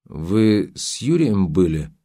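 A strict older housekeeper, once a nanny, pressing with reproachful questions, as a male reader voices her. The voice stays low and dry, barely changed from the reader's own. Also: lively intonation, normal speed, darkish tone, no room sound. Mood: stern. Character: older woman, former nanny, stern and caring.

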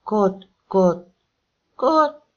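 A woman's voice: medium pitch, animated, muffled recording, voice pushed up, lightly acted. A woman voicing a frightened young boy who forces out broken syllables. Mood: straining.

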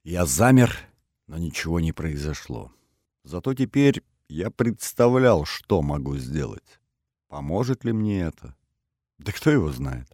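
A man's voice: low voice, very animated, measured pace, a little mellow, dry recording, clean studio sound. A man narrating a first-person audiobook in a wry, ironic storytelling manner.

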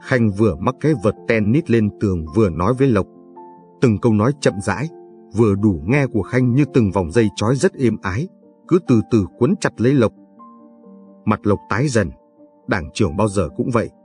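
A man narrating a literary novel in a steady, descriptive storytelling manner. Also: lowish voice, a little fast. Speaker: audiobook narrator. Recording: dry studio read, faint music.

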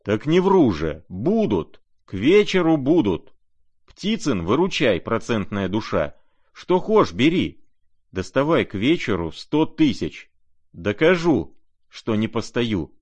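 A man's voice: mid-range voice, big pitch swings, slow, a little mellow, pitched above the performer's own voice. A man voicing a drunk, reckless young merchant who bellows and boasts as he raises his bid. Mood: exultant.

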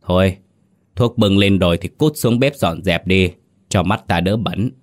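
A man's voice: low-pitched, normal speed, lightly acted. A man voicing a cruel, scheming second wife of a landlord, giving cold and contemptuous orders in a storybook tale. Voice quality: cold, hissing threats. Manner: contemptuous, commanding.

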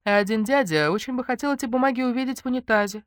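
A woman voicing a bossy, scheming young woman friend in an audiobook, speaking briskly and commandingly. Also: fairly high pitch, no room sound, clean studio sound, pitched above the performer's own voice, natural voice.

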